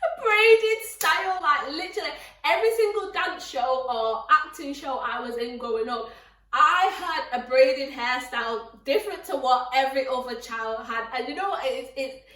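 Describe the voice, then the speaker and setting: A young woman tells stories to camera in a casual, animated way, laughing often and jumping into high, mocking voices. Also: normal speed, roomy sound, far from the mic. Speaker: vlogger.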